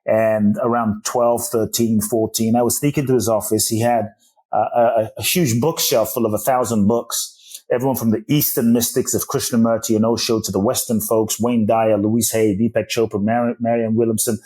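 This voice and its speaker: A man's voice: medium pitch, level tone, moderate pace, a little mellow. A man in his forties, born in Ghana and raised in London, telling his life story as a podcast guest in an earnest, reflective way. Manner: earnest, spiritual storyteller with many restarts. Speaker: podcast guest, author and speaker.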